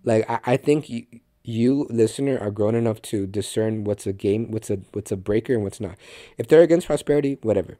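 Low mellow-voiced male podcast teacher. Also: brisk, dry recording, studio quality. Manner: conversational and earnest, many restarts, addresses the listener directly. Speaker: podcast host and Bible teacher. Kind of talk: casual faith podcast teaching.

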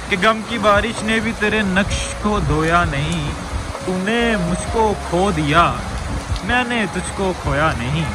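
A young man in his twenties talking casually into a phone at arm's length, sheltering outdoors from heavy rain at night and slowly reciting poetry in a soft, musing way. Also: fairly high pitch, noisy background. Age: 20s. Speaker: vlogger. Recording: phone video with loud music over it. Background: music and rain.

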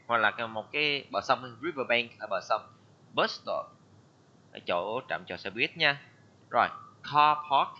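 A man's voice: mid-range voice, lo-fi sound. A man teaching an English class online, reading vocabulary words and explaining them. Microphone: computer mic on a video call.

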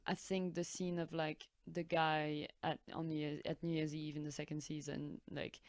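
A woman with a notably low voice co-hosts a podcast in casual back-and-forth chat. She talks in quick asides strung together with "like", and the sound is close and dry. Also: level tone, dry recording. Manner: chatty, quick asides with lots of "like". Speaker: podcast co-host.

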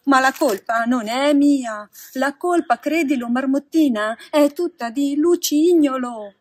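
A woman voicing a rash, frightened wooden puppet boy in a storybook reading, wailing and pleading in loud outbursts. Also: very high voice, lively intonation, normal speed, husky, no room sound, clean studio sound, voice pushed up, full character voice.

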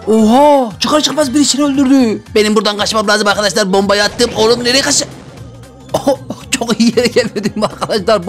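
A man giving loud, excitable, slangy commentary while playing a video game and talking to his viewers. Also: high-pitched. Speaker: gaming YouTuber. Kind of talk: excited Let's Play commentary. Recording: faint game music behind.

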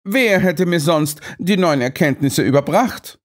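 A man voicing a sharp, aloof detective who speaks dryly and curtly in an audiobook. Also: on the high side, animated, measured pace, pitched above the performer's own voice. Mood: cool, dry. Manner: dry, detached, curt.

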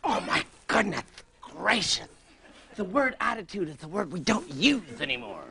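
A pompous, oblivious talk show host. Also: male voice, high-pitched, big pitch swings, moderate pace, creaky, sharp tone, full character voice. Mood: gushing. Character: pompous, oblivious, fussy middle-aged male celebrity interviewer. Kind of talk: improvised comic interview.

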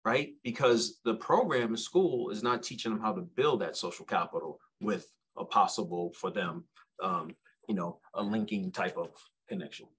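A man's voice: on the low side, moderate pace, a bit bright, breathy edge, low-quality recording. A man who runs youth programs, speaking with energy on a video-call panel and often tossing in rhetorical "right?" questions. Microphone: webcam on a video call.

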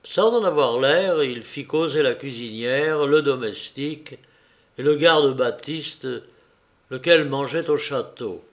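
A man giving a measured, scripted narration of a novel as an audiobook reader. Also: mid-range voice.

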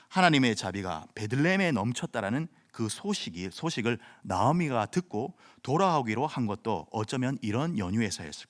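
A male pastor giving a measured sermon that explains scripture. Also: medium pitch.

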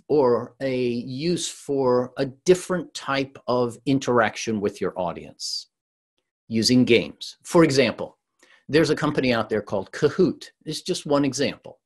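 A middle-aged man from the San Francisco Bay Area, giving a conversational webinar talk as a presentation coach over a video call. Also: mid-range voice. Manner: lively, conversational, with frequent restarts.

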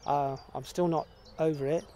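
A middle-aged man, a farm volunteer, answering interview questions outdoors in a quiet, hesitant way with many pauses. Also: a little high, steady tone, a little hiss or hum. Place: outdoor field.

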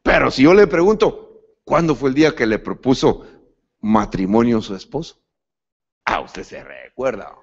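A male pastor preaching a sermon, speaking to the congregation as brother and often repeating and restarting words as he goes. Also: normal speed. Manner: lively pitch swings, rising to sudden emphatic peaks. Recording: dull lo-fi church recording.

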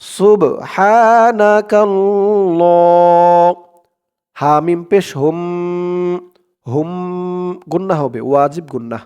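A man's voice: a little high, measured pace, long pauses, warm tone, muffled recording. A man teaching prayer recitation, spelling it out syllable by syllable and drawing out the Arabic words. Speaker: Quran teacher.

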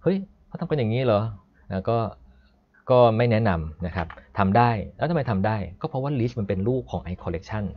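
A man teaching a live online programming class, chatty and explanatory, stopping to read code aloud slowly. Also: sits low. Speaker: programming instructor. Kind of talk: live-streamed coding lesson. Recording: dull lo-fi stream audio.

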